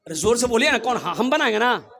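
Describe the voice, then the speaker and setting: High-voiced man preaching emphatically. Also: sing-song, fast talker, vocal fry. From Kolkata, India. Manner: emphatic, calls out questions to the crowd and rises to shouts. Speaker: Islamic preacher. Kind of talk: sermon at a mosque gathering.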